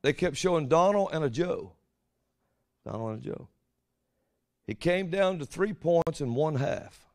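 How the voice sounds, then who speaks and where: A man's voice: a little high, normal speed, few pauses, a little mellow. A man preaching an informal prophetic sermon in a folksy, rambling way, often putting rhetorical questions to his listeners.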